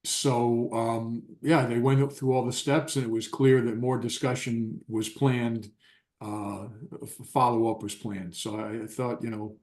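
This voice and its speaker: Slow, halting man in an echoey room. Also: medium pitch, little pitch movement, a little mellow. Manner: halting, many ums and uhs. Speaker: workshop participant. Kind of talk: giving feedback in a training session.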